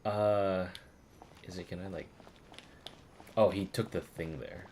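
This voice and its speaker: A man's voice: sits low, steady tone, slow pace, a little mellow, slight background noise. A man streaming a video game, rambling casually with lots of fillers, swearing and laughter. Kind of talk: casual live commentary.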